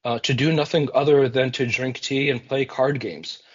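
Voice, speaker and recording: A man of ordinary pitch gives earnest remarks at a civic meeting, measured and thoughtful, with many ums and uhs. The sound is somewhat dull and muffled, as if the recording loses its highs. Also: steady tone, breathy edge. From United States. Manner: earnest, measured, with frequent fillers. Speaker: community center representative.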